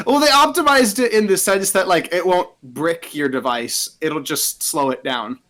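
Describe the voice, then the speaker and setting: A young man co-hosts a casual podcast with a slightly high voice. He rambles and giggles as he talks, and fills his sentences with "like.". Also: unhurried, sharp tone. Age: young adult. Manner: rambling, giggly, says "like" a lot. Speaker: podcast co-host. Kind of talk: casual chat.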